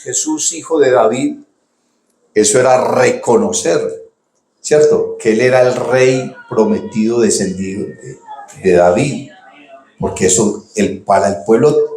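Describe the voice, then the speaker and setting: A pastor with a Colombian Spanish accent preaches conversationally, calling listeners "hermano" and asking "¿cierto?" to check they follow. When acting out quoted cries, his voice jumps high and loud. The recording is roomy and echoey, with a little hiss or hum.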